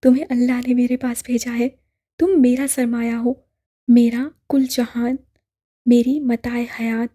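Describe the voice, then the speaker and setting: A woman's voice: fairly high pitch, fairly even intonation, normal speed, warm tone, husky. Woman voicing a tearful, fiercely loving mother. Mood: pleading. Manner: insistent, emotional.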